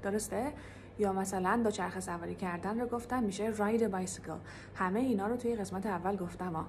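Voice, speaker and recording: A woman English teacher in a casual video lesson. She rattles off explanations quickly, then slows right down to repeat each example phrase for pronunciation practice. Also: medium pitch, darkish tone, slight background noise.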